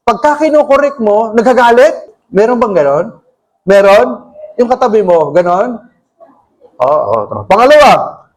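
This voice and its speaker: A male pastor with a Filipino accent delivers a sermon in a high voice. He switches between Tagalog and English and keeps asking the congregation questions. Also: poor audio.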